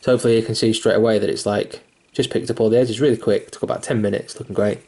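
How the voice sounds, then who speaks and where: A man's voice: lowish voice, fairly even intonation, very fast, darkish tone. A young man giving a casual miniature painting tutorial, rambling a little, with fillers, restarts and the odd swear word. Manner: mildly self-deprecating and sweary. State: hiccuping.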